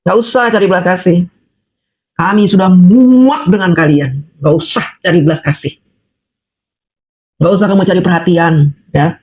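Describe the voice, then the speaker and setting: A woman's voice: lowish voice, moderate pace, pauses often, a little mellow. A woman rants straight at her opponents, scolding and mocking them and hammering on with repeated rhetorical questions. She speaks as an ordinary housewife with something to say. The recording is dull and lo-fi. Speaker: housewife voicing political opinion. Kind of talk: angry monologue addressed to critics.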